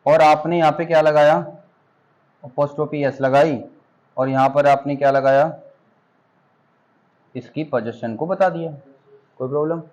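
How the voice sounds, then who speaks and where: A man's voice: on the high side, fairly even intonation, normal speed, long pauses, a little mellow, dull audio. A man teaching English grammar to students in a classroom, patient and explaining step by step. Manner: patient, addresses students as beta.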